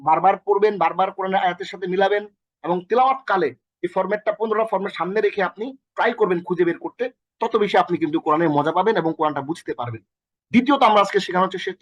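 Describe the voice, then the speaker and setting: A man's voice: high-pitched, no echo, highs cut off. A man teaching a recorded Arabic lesson with energy, often repeating himself and quizzing the listener, with a Bangladeshi accent.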